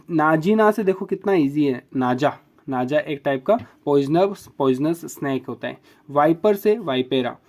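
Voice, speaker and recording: A man's voice: a little high, darkish tone. Male teacher stretching out key words. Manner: repeats key words slowly, drawn-out emphasis. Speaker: biology teacher. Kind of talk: explaining mnemonic tricks.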